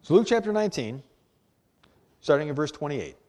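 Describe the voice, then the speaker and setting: A man's voice: fairly high pitch, very animated, normal speed, a little mellow. A male pastor preaching a sermon, telling a story and reading scripture aloud in old-fashioned wording.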